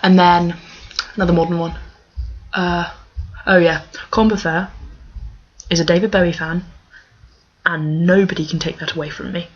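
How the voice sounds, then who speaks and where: Husky young woman gushing in casual chat. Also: on the low side, level tone. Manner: gushing, emphatic, halting and digressive. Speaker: fan answering a question tag. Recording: dull lo-fi microphone.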